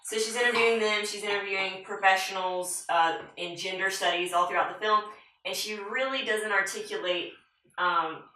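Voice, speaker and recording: Low, bright-voiced woman in an echoey room. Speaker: film review panelist. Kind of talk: casual film discussion. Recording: very echoey room, far from mic.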